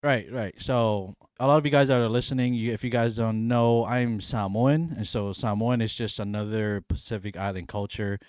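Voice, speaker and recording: Young guy from hawaii, low voice, chill rambling podcast chat, dry close mic. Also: moderate pace, few pauses, darkish tone, dry recording. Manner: easygoing, talkative, frequent "you know". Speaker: podcast co-host. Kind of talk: casual chat.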